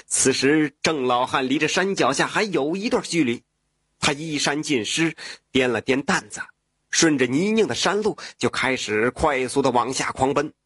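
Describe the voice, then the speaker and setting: A man narrating a folk tale in a lively oral storytelling manner, with spoken fillers. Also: medium pitch, moderate pace, breathy edge, no echo, clean studio sound.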